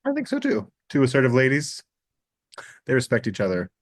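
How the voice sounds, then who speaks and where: A man's voice: medium pitch, huge pitch swings, brisk, dry recording. Brief: male co-host, playful catty recap chat, very dry close mic. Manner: playful, catty, quotes characters in funny voices. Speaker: podcast co-host. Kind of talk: casual episode recap chat.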